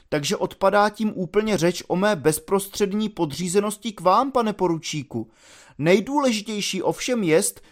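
A man voicing a pedantic, cool-headed young cadet in a storybook reading, lofty and raised in pitch.

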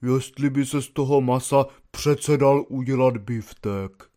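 A man voicing a clumsy, hungry soldier who gives a halting, stammering report. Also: mid-range voice, dark tone, natural voice. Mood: earnest, flustered. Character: clumsy, hungry male soldier, an officer's servant.

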